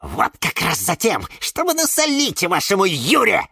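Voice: medium pitch, very animated, a little slow, a bit bright, no echo, studio quality, pitched above the performer's own voice, heavily acted. A reader voicing a jealous, spiteful female houseplant in a children's audiobook, snide and mocking. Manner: snide, mocking, shifting between shrieks and hisses.

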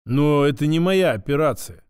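A man's voice: a little high, lively intonation, moderate pace, darkish tone, clean tone, dry recording, studio quality, close to an everyday voice. A man doing a furious foul-mouthed woman commander. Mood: angry, bitter. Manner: snarling, swearing, exasperated.

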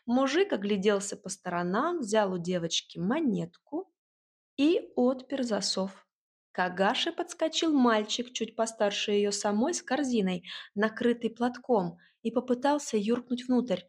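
Woman narrating a lively fairy tale. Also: on the high side, unhurried, slightly rough. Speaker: audiobook narrator.

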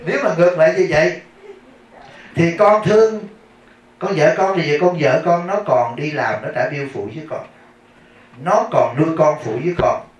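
A man's voice: on the high side, moderate pace, long pauses. A man giving a chatty dharma talk as a monk. He tells stories, laughs often and keeps asking the audience questions. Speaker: Buddhist monk teacher. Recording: echoey room, mic far off.

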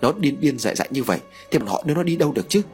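A man's voice: medium pitch, expressive, racing, a little mellow, faint music behind, pitched above the performer's own voice, natural voice. A man reading an audio story, voicing a grief-stricken older mother who wails and blames her husband. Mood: distraught. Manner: tearful, pleading outbursts.

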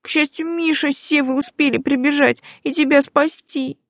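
A woman voicing a timid young mermaid girl who talks through sobs, pleading and soft. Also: high voice, steady tone, moderate pace, no echo, voice pushed up. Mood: tearful.

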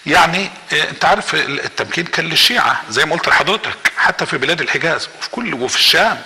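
A guest with an Egyptian accent tells a religious story at a racing pace in a fairly high voice, energetically acting out what the people in it said. The sound has a big-room quality.

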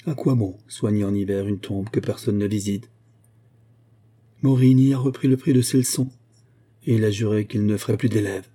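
Dark, husky male audiobook narrator. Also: lowish voice, fairly even intonation. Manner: measured, literary.

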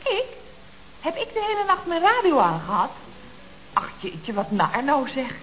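An actress voices a chatty, mock-innocent office secretary in a 1970s Dutch radio comedy, speaking Netherlands Dutch in a high, slightly slow, fully acted character voice. Her delivery is chirpy and expressive, full of tag questions. The old radio recording sounds dull and noisy.

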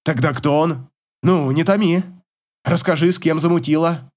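A man voicing an angry, desperate husband who shouts, pleads and accuses. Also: fairly high pitch, moderate pace, voice pushed up, natural voice. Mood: taunting.

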